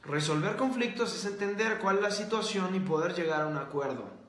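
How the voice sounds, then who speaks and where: A man hosting a motivational book-review video, talking emphatically with rhetorical questions and drawn-out stresses. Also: sits high, animated, fairly bright tone, reverberant. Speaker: host.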